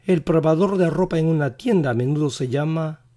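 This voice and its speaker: Running a vocabulary quiz lesson, a male teacher carefully repeats each English word at a slow pace. His warm voice sits a little high and hasn't fully recovered.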